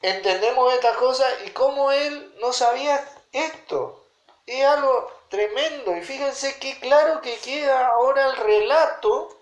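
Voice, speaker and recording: A man's voice: extremely high pitch, measured pace. Man teaching a Bible study. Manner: checks in with the listeners often. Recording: roomy echo.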